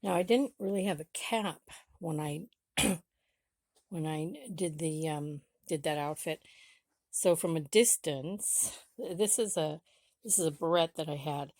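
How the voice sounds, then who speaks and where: Low-voiced woman chatting about costumes. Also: unhurried, a little mellow, dry recording. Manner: chatty and rambling, frequent restarts. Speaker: vlogger. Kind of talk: casual show-and-tell about costumes.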